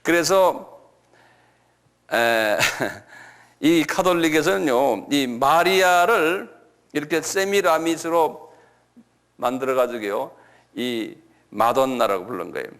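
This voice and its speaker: A male pastor giving a lecture-style sermon, repeating key words slowly and asking his listeners questions. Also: fairly high pitch, a bit bright.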